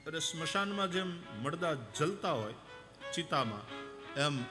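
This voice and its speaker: A man's voice: mid-range voice, normal speed, over music. A man giving a devotional sermon, telling anecdotes, acting out quoted voices and singing verses. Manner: animated, acts out quoted voices, sings verses. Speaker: religious storyteller.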